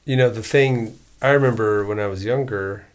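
A man's voice: fairly low pitch, moderate pace. A man co-hosting a podcast in casual chat, talking in an easygoing way and thinking aloud. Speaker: podcast co-host.

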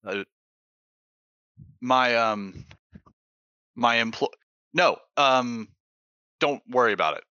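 A man playing a tabletop game in character, hesitant with many pauses and restarts. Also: medium pitch, bright, forceful tone, clean tone, no echo, muffled recording. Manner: hesitant, lots of ums and restarts. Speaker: player.

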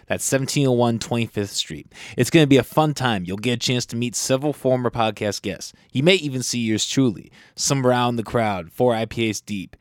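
A man's voice: mid-range voice, a little fast, few pauses, dry recording, clean studio sound. A man reading an upbeat, promotional announcement for a local event.

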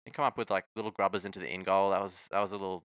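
A man's voice: sits low, flat delivery, racing, fairly bright tone, clean tone, dry recording, studio quality. A man chatting casually about sport in a laid-back, slangy way. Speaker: sports talk co-host.

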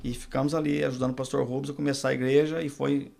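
A middle-aged Brazilian man, a pastor and podcast guest, telling his testimony in a relaxed conversation and acting out the dialogue he quotes. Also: medium pitch, racing, gravelly. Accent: Brazilian Portuguese. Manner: storyteller who acts out quoted dialogue. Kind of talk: testimony told in a casual interview.

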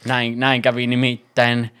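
Man, podcast host, casual chat, laughs a lot, middle pitch, quick bursts. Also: flat delivery, fairly bright tone, smooth.

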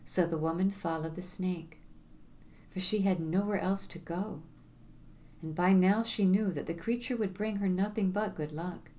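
Warm, low-voiced woman storyteller. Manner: measured, expressive reading. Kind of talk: storybook narration.

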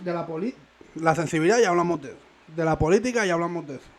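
A man's voice: a little high, animated, rapid-fire. A man co-hosting a podcast, joking crudely and bursting into laughter. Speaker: podcast co-host. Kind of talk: casual banter.

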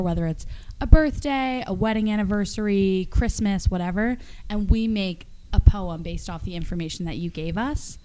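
A woman's voice: mid-range voice, mellow, clean tone. Chatty woman in her twenties, wry. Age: 20s. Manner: chatty, wry, joking asides. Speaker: podcast co-host. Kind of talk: casual chat.

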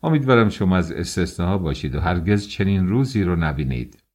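Worldly, preachy gentleman with a deep low voice, read by a male audiobook narrator. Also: sing-song. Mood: lecturing. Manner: preachy, confiding advice. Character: worldly older man lecturing a young friend.

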